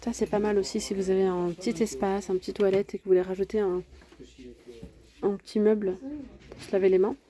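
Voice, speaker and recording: Casual woman vlogger, mellow tone, chatty store walkthrough on a phone. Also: mid-range voice, little pitch movement, fairly quick, pauses often. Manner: chatty, lists prices and sizes, frequent fillers. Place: large home improvement store, indoors.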